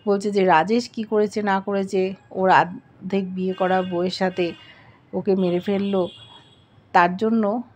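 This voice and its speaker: Woman, serial episode recap, plain storytelling voice, steady retelling. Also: mid-range voice, unhurried, long pauses, slight background noise.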